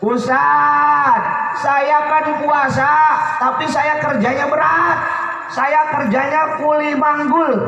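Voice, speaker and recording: A man voicing a hard-working laborer who whines to a preacher about fasting. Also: very high-pitched, level tone, creaky, pushed and bright, very echoey, highs cut off, pitched above the performer's own voice, heavily acted. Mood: pleading. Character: hard-working male laborer begging for advice.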